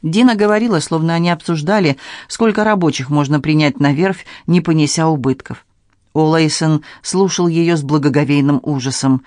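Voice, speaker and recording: Male audiobook narrator, measured and even, slightly high pitch, dry close studio sound. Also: no room sound. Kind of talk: scripted narration.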